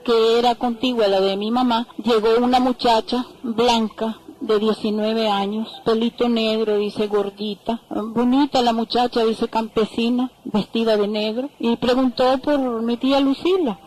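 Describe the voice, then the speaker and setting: A woman's voice: on the high side, steady tone, normal speed, hardly any pauses, a little mellow, rough recording. An older woman recounting family memories in an interview, acting out the quoted voices and adding frequent tag phrases. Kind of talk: oral history storytelling.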